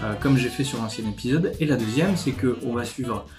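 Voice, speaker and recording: Guitar music plays in the background as a video host and animator gives a casual explanatory talk to camera from a living room with a desk. His mid-range voice is brisk, and his style stays relaxed and informal.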